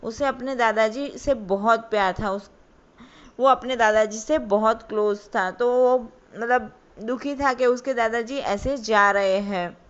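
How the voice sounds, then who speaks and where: Woman telling a story off the cuff, lots of fillers, crisp voice but muffled recording. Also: on the high side, a little slow, fairly bright tone. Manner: loose, with many fillers and restarts. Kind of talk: casual spoken storytelling. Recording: dull lo-fi recording.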